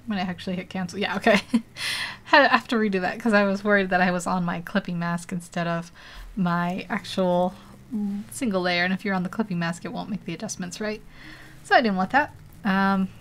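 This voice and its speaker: A woman's voice: mid-range voice, fairly bright tone, a little hiss or hum. A woman chatting casually while she paints live on a tablet, laughing often and rambling with lots of fillers. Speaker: digital painting livestreamer.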